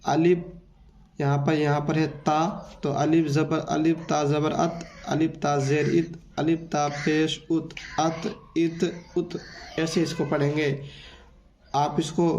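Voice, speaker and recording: A man teaching beginners to read Urdu, explaining the letters and then sounding out syllables slowly one at a time. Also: fairly high pitch, a little mellow, a little hiss or hum. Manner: slow syllable-by-syllable drilling. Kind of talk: beginner reading lesson.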